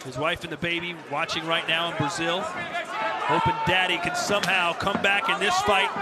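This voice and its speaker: A man's voice: high-pitched, animated, normal speed. A man doing live kickboxing play-by-play commentary with a dramatic, storytelling delivery. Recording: loud arena crowd noise behind. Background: roaring crowd in an arena.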